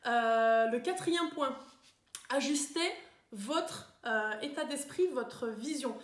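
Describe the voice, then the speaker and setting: A woman coach offers self-improvement advice in a live talk to viewers, speaking slowly in a fairly high voice with a roomy sound. She keeps it chatty, full of fillers and tag questions.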